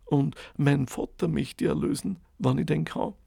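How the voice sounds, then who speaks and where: A man's voice: a little high, measured pace, vocal fry, warm tone, husky, no echo, studio quality, heavily acted. A man voicing an earnest young lad in a fairy tale.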